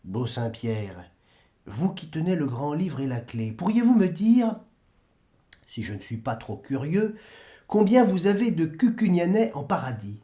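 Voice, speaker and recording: A man's voice: a little high, big pitch swings, measured pace, dark tone. A man reading aloud and voicing an anxious, humble village priest who pleads and stammers. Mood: pleading.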